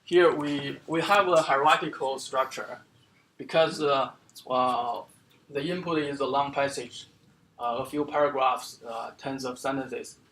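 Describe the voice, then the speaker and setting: A man giving an academic seminar lecture as the speaker, explaining in a halting way with many fillers and restarts. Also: medium pitch, a bit bright, a little hiss or hum. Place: lecture room.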